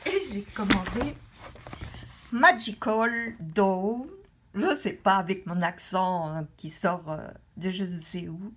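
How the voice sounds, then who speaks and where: Woman, unhurried talker, chatty and rambling, self-mocking, phone recording, faint hiss. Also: fairly low pitch. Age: adult with a young daughter. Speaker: vlogger showing a haul. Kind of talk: casual show-and-tell vlog. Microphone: handheld phone.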